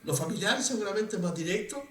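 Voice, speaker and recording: A man's voice: high-pitched, animated, a little fast, reverberant, distant mic. A man preaching a sermon in a conversational way, often asking his congregation questions. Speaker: pastor. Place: church hall.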